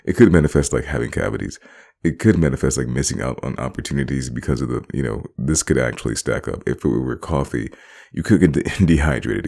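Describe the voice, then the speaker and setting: Rambling casual talker, male, very low gravelly voice, laughs often. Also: a little mellow. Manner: rambling, repetitive, laughs between phrases. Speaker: vlogger. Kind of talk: casual monologue on wellness.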